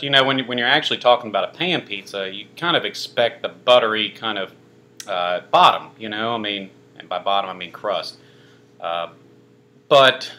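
A young food reviewer with a lowish, strained, bright voice talks through a pizza on camera in a casual vlog. He rambles, uses plenty of fillers, and drops dry jokes at his own expense.

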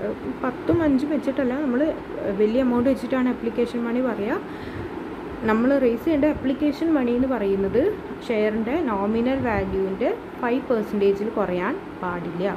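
A woman teaching commerce over slides, explaining in a mix of two languages with many fillers and reading English definitions slowly. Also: on the high side, lo-fi sound, background noise.

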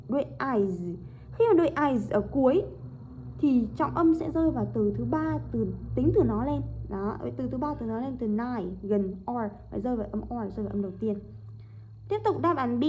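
A woman teacher explaining textbook exercises step by step, repeating each word slowly and checking that students follow. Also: high-pitched, dark tone, a little hiss or hum. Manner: repeats words slowly, checks with "đúng không?". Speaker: English teacher. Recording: dull lo-fi recording.

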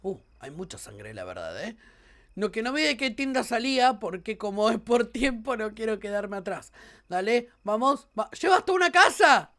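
A woman with an Argentine accent, a gaming YouTuber doing let's play commentary, excitable, often shrieking and laughing, with a sore throat. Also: on the high side, normal speed. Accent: Argentine Spanish.

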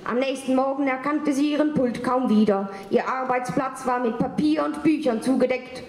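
A woman from Switzerland performing comic spoken word on stage with wry, deadpan storytelling. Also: high voice, normal speed. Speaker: poetry slam performer. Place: stage in a large hall. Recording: echoey hall with faint ambience.

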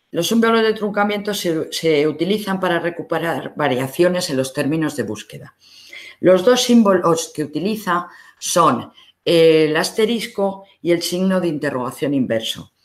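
A library instructor with a Spanish accent leads a recorded online lesson, speaking slowly and without hurry in a mid-range voice with lively intonation. She patiently explains each step of the screen demonstration.

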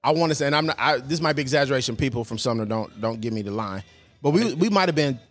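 Lively, fast-talking man in casual chat. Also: mid-range voice. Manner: lively, repeats himself, earnest.

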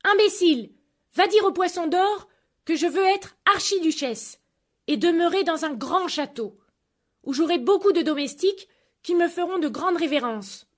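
A woman's voice: extremely high pitch, animated, measured pace, voice pushed up. A woman voicing a greedy, bad-tempered old fisherman's wife who scolds and makes demands. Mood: furious.

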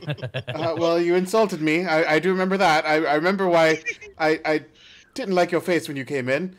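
A man voicing a composed adult woman healer with formal, halting speech. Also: fairly high pitch, fairly even intonation, a little hiss or hum, natural voice. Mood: offended.

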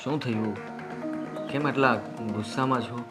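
An actor playing a young son and husband who calmly tries to soothe his upset mother in a film drama. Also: medium pitch, moderate pace, music in the background, lightly acted. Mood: placating. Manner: soothing, placating.

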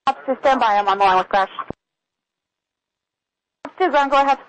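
A woman's voice: high voice, moderate pace, highs cut off. A woman working as a ground controller, speaking over air traffic radio. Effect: aviation radio.

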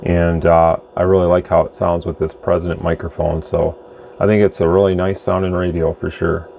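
This channel host reviews radios at an indoor workbench, rambling through a relaxed, plain-spoken product demonstration. He talks at normal speed in a low, flat, darkish voice with vocal fry, over faint background noise and room ambience.

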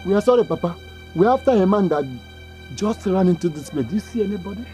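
A man's voice: sits high, lively intonation, quick pace, dark tone, soft background music. An actor playing a pompous young colonial-era policeman with a Nigerian accent, officious and commanding, in a film. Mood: apologetic. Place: outdoors.

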